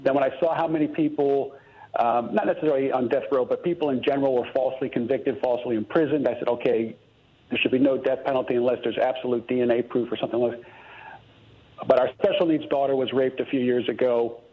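A man's voice: medium pitch, fairly even intonation. Middle-aged guy on a call-in show, muffled phone sound, earnest, keeps restarting his sentences. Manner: earnest, halting, many restarts. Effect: heard over a phone line. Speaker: radio show caller. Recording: muffled phone-line audio.

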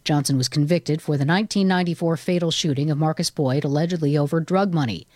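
Low-voiced woman anchoring radio news. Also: fast, darkish tone, no echo, studio quality. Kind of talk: scripted radio news bulletin.

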